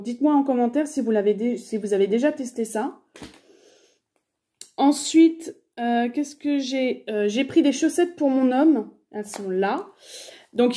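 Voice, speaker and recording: A woman in her thirties talks her viewers through a shopping haul in a chatty, halting way, often pausing on fillers. Her voice sits a little high but sounds warm and mellow rather than bright. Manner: chatty, hesitant, many fillers. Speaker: haul vlogger. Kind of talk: casual shopping haul chat.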